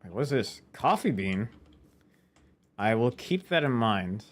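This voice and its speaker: A man's voice: mid-range voice, big pitch swings, measured pace. A man giving casual let's-play commentary, chatty and talking to himself as he plays. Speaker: gaming video creator.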